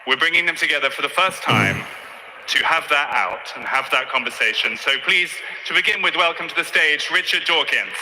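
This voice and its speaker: Bright-voiced male event host. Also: a little high, expressive, a little fast, echoey room, a little hiss or hum, low-quality recording. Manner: polished, earnest presenter. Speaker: host and moderator. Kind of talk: formal stage introduction. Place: stage at a live event.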